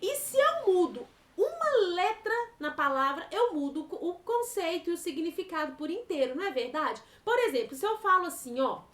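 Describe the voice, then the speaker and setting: A woman teacher with a Brazilian Portuguese accent, giving an informal lecture in a lively way and talking straight to her students. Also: extremely high pitch, normal speed, few pauses. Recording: echoey room.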